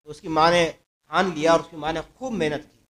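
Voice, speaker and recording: A man preaching a sermon to a mosque gathering, telling a moral story earnestly, repeating phrases and letting his voice swell louder at key points. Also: fairly high pitch. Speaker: mufti giving a religious talk.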